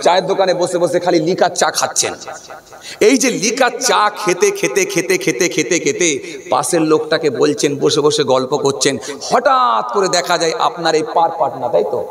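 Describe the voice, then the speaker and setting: A hoarse, unwell man preaching a waz sermon, swinging into chanted bursts and rhetorical questions. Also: a little high, expressive, brisk, crowd noise. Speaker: Islamic preacher.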